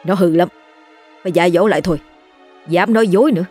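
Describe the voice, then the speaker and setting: A woman's voice: lowish voice, quick pace, a little mellow, slightly rough, faint music behind. A woman reading a story and voicing a short-tempered father who scolds curtly. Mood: scolding. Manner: curt and scolding.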